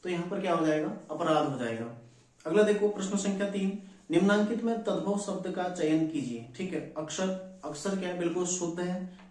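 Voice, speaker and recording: A man's voice: high-pitched, a little fast, darkish tone. A man from teaching an exam-prep lesson, explaining each answer step by step and often checking in with his listeners. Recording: very echoey, distant from the mic.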